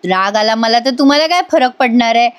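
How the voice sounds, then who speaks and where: A hurt young husband answers in short, quiet, bitter lines, spoken by a woman reviewer. The voice stays high and her own, with a subdued, wounded tone. It is a retelling of a serial scene. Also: lively intonation, a little fast, clean tone, no room sound, close to an everyday voice.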